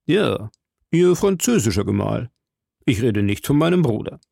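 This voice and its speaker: A man playing a coldly mocking aristocratic lord who speaks in a smooth, measured and sneering way. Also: mid-range voice, very animated, mellow, no room sound, clean studio sound, heavily acted. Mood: scornful.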